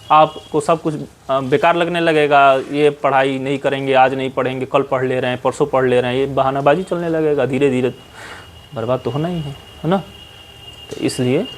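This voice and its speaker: A man with a Bihari Hindi accent teaching mathematics in a classroom, advising students at length and tagging his sentences with "है ना?". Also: mid-range voice. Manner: scolding, advising, with frequent "है ना?" tag questions. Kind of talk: classroom lecture. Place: classroom with whiteboard.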